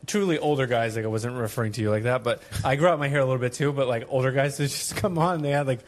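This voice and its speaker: A man's voice: mid-range voice, fast. A man co-hosts a casual podcast chat. He asks curious questions that ramble and double back before he gets to the point. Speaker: podcast co-host.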